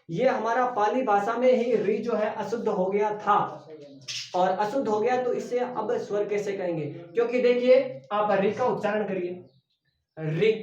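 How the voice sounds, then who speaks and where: In an exam-prep grammar lecture, a man with a high-pitched, darkish voice repeats key words as questions to the class and then answers them himself. He's heard from a distance in an echoey room, and the sound is dull.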